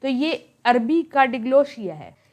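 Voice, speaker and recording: A woman's voice: high-pitched, sing-song, unhurried. A woman giving a lecture, explaining terms patiently and mixing in English words. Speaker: teacher.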